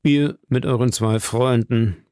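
A man voicing a stern older cardinal in an audiobook, speaking in a slow, measured, probing way. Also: medium pitch, steady tone, warm tone, clear, resonant tone, no room sound, studio quality, close to an everyday voice. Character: stern, silky older male cardinal of high rank. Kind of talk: audiobook reading.

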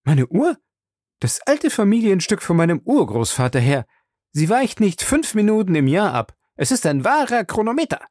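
A man voicing an excitable, talkative young French manservant in a storybook reading, proud and quick to take offence. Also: sits high, dry recording, studio quality, pitched above the performer's own voice. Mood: indignant. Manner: chatty, proud, indignant.

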